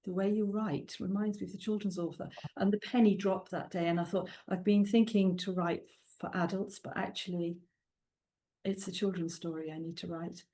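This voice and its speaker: Chatting casually as a guest author, the middle-aged South Walian woman keeps a steady, lowish tone at normal speed. She speaks Welsh natively and has a Welsh accent, laughing often and filling her warm, chatty talk with ums.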